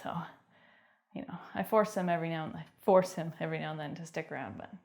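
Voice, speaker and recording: A young woman with a Canadian accent guiding a home workout, giving encouraging cues and calm stretching instructions. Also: deep voice, fast talker, vocal fry. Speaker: fitness instructor.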